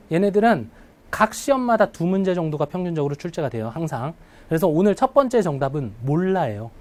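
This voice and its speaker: A man teaching an English test-prep class to live students, often checking in with questions and slowing down to model phrases. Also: on the high side, a little mellow. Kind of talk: classroom lecture.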